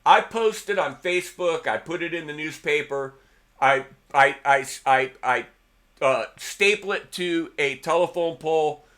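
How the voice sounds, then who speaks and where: A man's voice: fairly high pitch, unhurried, sharp tone. A middle-aged man, host of a guitar channel, casually telling rambling anecdotes to the camera and repeating himself as he goes.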